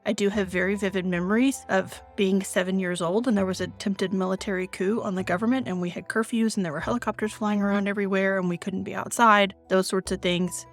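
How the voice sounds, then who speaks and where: A woman's voice: mid-range voice, fast, hardly any pauses, soft background music. An American woman in her forties, talking casually and expressively about books she has read. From United States, raised in Kenya. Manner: chatty, expressive, reads from her notes. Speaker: book reviewer. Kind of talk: casual book review vlog.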